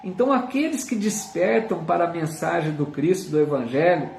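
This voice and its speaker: A man with a creaky, a little mellow, slightly high voice speaks at a normal pace, with his Brazilian Portuguese accent coming through. He leads a live online Spiritist study, earnestly teaching, using many tag questions and voicing viewer comments. There's slight background noise, a roomy sound, and he's far from the mic.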